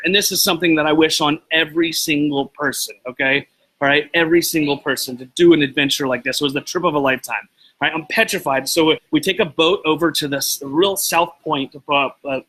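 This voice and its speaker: Man, casual motivational chat, excitable and rambling, bright forceful tone, slightly high voice. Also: husky, poor audio. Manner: excitable, rambling, greets viewers by name mid-story. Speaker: host of a live video show. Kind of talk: casual motivational talk to live viewers.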